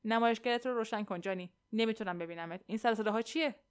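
A woman doing the voice of a commanding older army colonel in an audiobook. He speaks firmly and with authority, giving orders louder than her narration. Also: on the high side, clear, resonant tone, close to an everyday voice. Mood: stern. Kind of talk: audiobook character voice.

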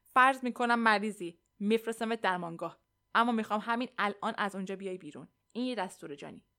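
A woman's voice: medium pitch, fairly bright tone, natural voice. A woman reading an audiobook, voicing a stern older army colonel who gives firm orders. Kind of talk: audiobook character voice.

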